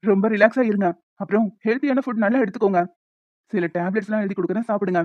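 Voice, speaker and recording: A woman voicing a calm female doctor in a cartoon story, giving steady advice. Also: mid-range voice, rapid-fire, no room sound, close to an everyday voice. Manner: calm, advising. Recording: dull lo-fi audio with faint music.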